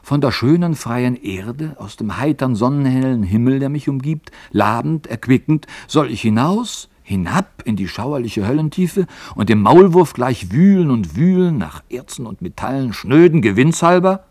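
Grieving young sailor guy, man reading him, raised lively pleading voice in a dry room. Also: fairly high pitch, moderate pace, dry recording, voice pushed up. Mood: indignant. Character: young grieving male sailor, despairing and earnest.

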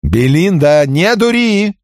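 An irritated, stiff man barks short, curt commands, voiced by an audiobook narrator. His voice is raised and tense with a lively rise and fall. It sits close in a dry room. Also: high-pitched, normal speed, dry recording, voice pushed up. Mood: angry. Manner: curt, snapping. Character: angry, stiff middle-aged man, curt and growling.

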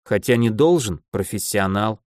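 A man's voice: fairly low pitch, lively intonation, normal speed, a little mellow, dry recording, clean studio sound, lightly acted. A man voicing a cheeky, self-assured young man who teases in a businesslike manner. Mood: teasing. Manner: teasing, businesslike.

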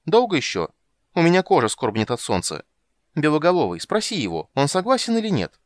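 A man voicing a vain, shrill female sea siren who talks in a sing-song, indignant way. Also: huge pitch swings, a little fast, no room sound, studio quality.

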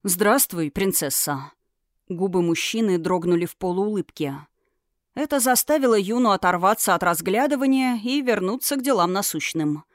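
A woman's voice: a little high, no echo, clean studio sound. Woman narrating a fantasy audiobook.

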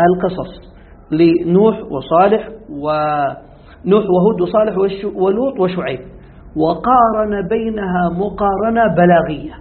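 A man teaching a commentary lesson, often asking his students if they follow and posing questions to them. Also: high voice. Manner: keeps asking students if it's clear; poses rhetorical questions. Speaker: sheikh teaching Quran commentary. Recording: tinny phone-like audio.

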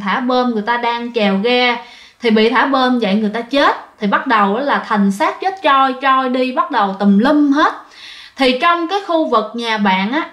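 A woman with a Southern Vietnamese accent tells ghost stories in a casual, chatty way, turning often to her listeners. Her voice sits high, and it rings in a roomy, echoing space. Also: fairly bright tone. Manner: chatty, addresses listeners directly. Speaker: ghost story narrator. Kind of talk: casual spoken storytelling.

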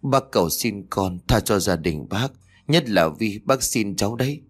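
A man's voice: on the low side, expressive, a little slow, breathy edge. A man voicing a frightened, guilt-ridden middle-aged father who stammers and pleads in a spoken ghost story. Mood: pleading.

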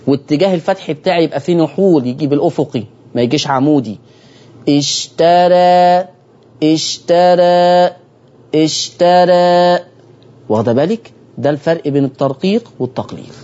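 A man's voice: medium pitch, a little mellow, slightly rough, highs cut off. A man with an Egyptian accent teaching Quran recitation on a broadcast lesson, speaking straight to his listeners and repeating key phrases.

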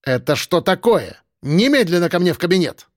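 A man reading an audiobook, voicing an angry, domineering middle-aged woman boss who yells and scolds coarsely. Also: high-pitched, very animated, normal speed, no room sound, clean studio sound, pitched above the performer's own voice. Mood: stern.

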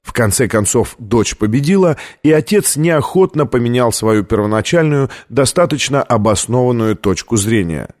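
Man reading a novel aloud, measured. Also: medium pitch, expressive, darkish tone. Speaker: audiobook narrator. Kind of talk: scripted narration.

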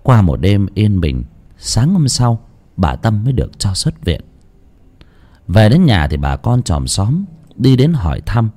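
A man's voice: on the low side, big pitch swings, measured pace, dark tone. A man narrating a ghost story in a dramatic, vivid way.

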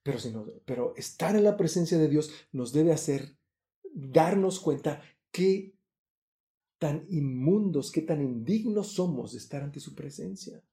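In a very mellow, dark-toned voice pitched a little high, a man delivers an earnest, emphatic sermon at a slightly slow pace with lively intonation. Whenever he stresses a point, he gets louder and higher. The sound is roomy.

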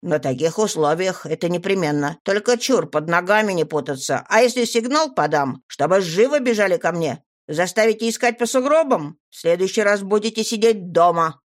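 A woman reading an audiobook, voicing a gruff young village strongman who talks bluntly and grumbles. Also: fairly low pitch, animated, moderate pace, few pauses, close to an everyday voice. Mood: grumbling.

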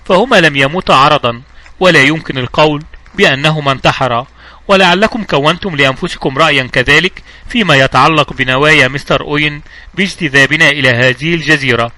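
A man reads a composed old judge who lays out his reasoning in clear, measured sentences. The voice is bright and fast-moving. It sounds dry and close, with little room sound. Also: fairly high pitch, dry recording. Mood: commanding. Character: calm, authoritative elderly male judge. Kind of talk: audiobook reading.

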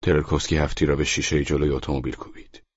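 A man narrating an audiobook in a measured, tense storytelling voice that sometimes drops to a whisper. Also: a bass voice, flat delivery, breathy edge, no room sound, lo-fi sound. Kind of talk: scripted narration.

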